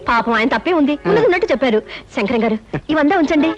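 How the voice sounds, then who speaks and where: An actress playing a polite, gracious housewife in a film comedy. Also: female voice, sits high, animated, very fast. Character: polite soft-spoken housewife. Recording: dull distant film soundtrack.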